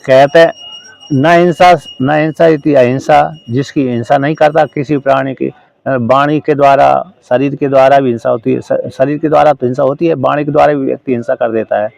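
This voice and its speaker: A man's voice: medium pitch, fairly even intonation, creaky, a little mellow, no echo, muffled recording. A man teaching scripture in a lesson, explaining a commentary word by word, often breaking off to correct himself and asking his listeners if they follow. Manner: halting, self-correcting, checks in with listeners; slow chanted verse recitation.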